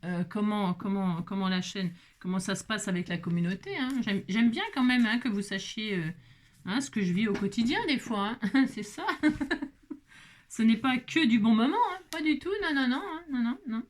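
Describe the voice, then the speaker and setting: This crafting vlogger walks through her tutorial at a moderate pace in a mid-range voice, chatting casually, with frequent exclamations and small interjections along the way.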